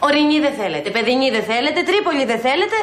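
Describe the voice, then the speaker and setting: A woman voicing a fussy woman in a radio ad who insists on being specific about her hometown, listing her answers rapidly and with exasperation. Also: sits high, sing-song, a bit bright, echoey room. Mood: exasperated.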